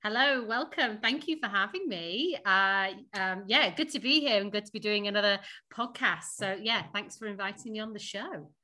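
A woman's voice: mid-range voice, moderate pace, few pauses, sharp tone. A woman from Sheffield with a Northern English accent, chatting casually as a podcast guest, laughing often and using many fillers. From Sheffield, England. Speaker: podcast guest, company founder. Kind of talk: casual interview chat.

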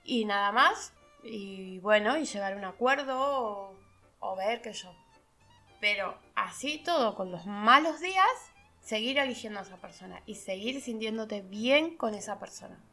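Gravelly chatty woman, lilt. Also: mid-range voice, animated, unhurried, sharp tone, soft background music. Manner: chatty, laughing, acts out quoted voices. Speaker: podcast host. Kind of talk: casual reflective monologue.

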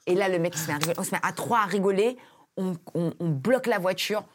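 A woman's voice: lowish voice, fast, slight background noise. A woman from Belgium, a comedian, telling an anecdote as a podcast guest, acting out the people she quotes and often laughing. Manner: lively storyteller, acts out quotes, laughs often.

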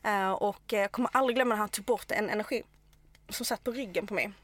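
Woman podcast guest, animated storyteller, casual chat, close dry mic. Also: medium pitch, no echo. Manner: animated storyteller, many fillers.

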